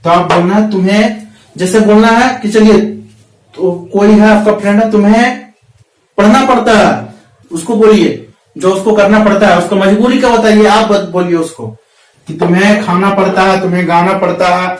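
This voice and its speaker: A man teaching a spoken English lesson, repeating example sentences slowly and deliberately. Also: high voice, reverberant, recorded from a distance, low-quality recording. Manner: repetitive drilling, slow deliberate example sentences.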